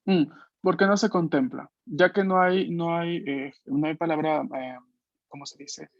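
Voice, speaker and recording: A man with a slightly raised voice teaches a class over a video call, explaining each point slowly and checking in with his listeners as he goes. The sound is dry and a little dull, with no room echo at all. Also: fairly high pitch. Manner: patient, explanatory, frequent "¿no?" tags. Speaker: language teacher.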